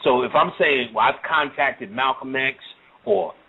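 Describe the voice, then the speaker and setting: A man's voice: medium pitch, unhurried, creaky, slightly rough. A man giving a casual, profane spoken lecture on the occult, talking in a loose, rambling way and often asking "you know what I'm saying?". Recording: tinny phone-like audio.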